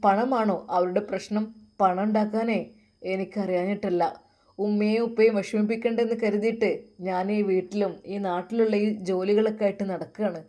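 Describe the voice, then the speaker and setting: A woman's voice: mid-range voice, steady tone, normal speed, dark tone, natural voice. A woman voicing a hurt, determined young man in a Malappuram Malayalam accent. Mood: resentful. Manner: earnest and resentful.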